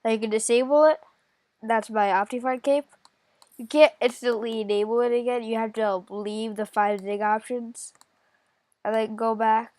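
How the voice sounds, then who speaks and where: Congested from a cold, a woman creates a casual screen-recorded game tutorial, thinking out loud with many pauses, hesitations, and self-corrections. Her fairly high voice holds a steady tone, a little mellow, in a dry recording.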